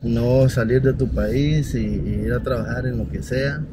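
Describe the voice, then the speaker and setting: A man in his thirties with a Nicaraguan accent, a ride-hailing driver telling his story in an interview while driving, with lively storytelling full of hesitations. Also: mid-range voice, measured pace. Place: inside a car at night. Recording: loud car and street noise.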